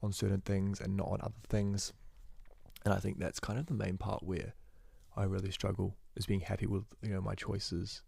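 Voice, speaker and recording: A young man, a university student, rambling through a casual spoken journal into his phone, talking fast and correcting himself as he goes. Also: low voice, monotone, gravelly, dark tone, husky. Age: young adult. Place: indoors at home. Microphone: phone recording.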